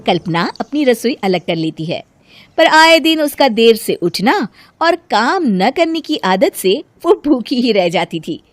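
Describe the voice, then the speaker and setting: A woman's voice: on the high side, big pitch swings, a little slow, no room sound. A woman narrating a scripted family story for animation.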